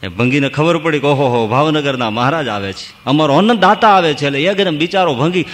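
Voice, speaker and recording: A man's voice: on the high side, lively intonation, fairly quick. A man, a monk giving a devotional sermon, telling folk stories and reciting verses. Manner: storytelling with folk verses and acted asides. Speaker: monk preacher. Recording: long hall reverb.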